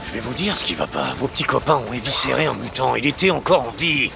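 A man playing a blunt, irritable drifter biker in a video game, gravelly and confrontational. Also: mid-range voice, big pitch swings, fast talker, over music. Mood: irritated. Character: gruff, irritable drifter biker who kills mutants.

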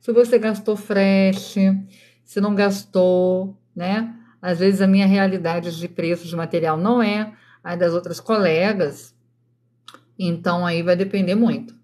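A woman's voice: lowish voice, fairly even intonation, measured pace, darkish tone. A Brazilian woman in her thirties chats casually through a craft live stream from home at night. She talks straight to her viewers and keeps her voice down so the sleeping children stay asleep. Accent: Brazilian Portuguese. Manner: chatty, addresses viewers directly, keeps voice down for sleeping kids.

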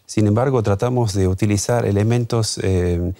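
A man in his fifties, born in Argentina, answering interview questions on a TV studio set with a lapel mic, measured and hesitant with fillers. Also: lowish voice, dark tone. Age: 50s. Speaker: wine importer guest.

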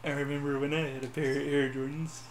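Guy goofing on himself while driving in a game, kinda high voice, echoey room. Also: level tone, quick pace, slight background noise. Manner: joking, self-mocking. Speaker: gameplay commentator. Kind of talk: casual gaming chat.

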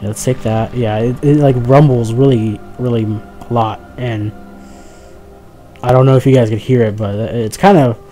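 A young man talks his viewers through a game in a loose, rambling way, cracking bad jokes and yelping when something startles him. His voice is mellow and soft-edged, pitched in an ordinary middle range for a man. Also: fairly even intonation, normal speed, faint music behind. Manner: chatty, jokey, talks to the viewers, easily startled. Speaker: gaming commentator. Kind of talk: casual let's play commentary.

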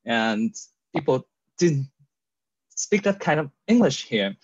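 A Vietnamese man with a Vietnamese accent tells his personal story as an interview guest over a video call, earnestly and with many fillers and restarts. His medium-pitched, husky voice is sing-song and slow. The webcam audio from his indoor room with a virtual background is dry, dull and lo-fi.

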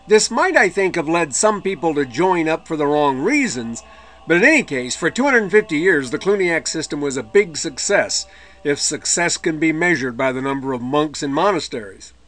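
A man's voice: on the high side, very animated, normal speed, a bit bright. A man giving a recorded history lecture, explaining in a conversational way with dry asides and occasional mid-word self-corrections.

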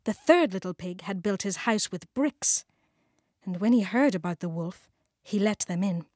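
An audiobook narrator with a medium-pitched voice reads a children's book at a normal speed, gentle and expressive in her storytelling. The recording is studio quality, with no echo.

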